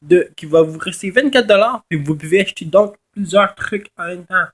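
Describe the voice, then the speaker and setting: A man with a Québécois accent and a nasal voice, congested from a cold, giving a casual, halting game tutorial in which he often repeats and corrects himself. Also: high voice, fairly bright tone, breathy edge. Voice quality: nasal from a blocked nose. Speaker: gaming video host.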